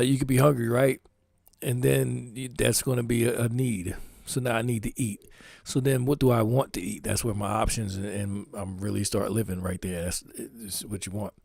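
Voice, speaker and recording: A man from Philadelphia, United States, with a Philadelphia accent, talks casually to the camera about his clothing designs, full of street slang and constant "you know what I'm saying." His mid-range voice has vocal fry and is a little mellow, recorded dry with clean studio sound.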